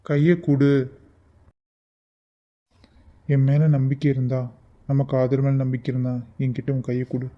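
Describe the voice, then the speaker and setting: A man's voice: mid-range voice, steady tone, brisk, muffled recording, lightly acted. A man voicing an earnest, protective young man in love in a cartoon, talking in an emphatic, coaxing way. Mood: insistent. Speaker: voice actor. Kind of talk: cartoon voice acting.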